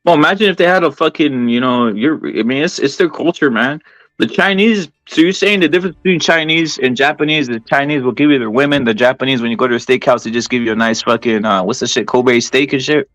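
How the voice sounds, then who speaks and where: A man's voice: medium pitch, fast talker, a bit bright, dry recording. A man hosting a podcast in crude casual chat, teasing, interrupting and joking. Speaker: podcast host.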